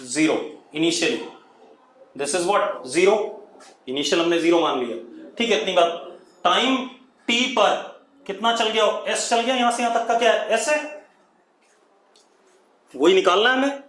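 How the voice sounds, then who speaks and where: Man, Indian accent, physics teacher, strict, slow dictation, high voice, roomy echo. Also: fairly bright tone. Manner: strict, scolding, addresses students as 'beta'; slow dictation of terms, drawn out. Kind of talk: online class lecture.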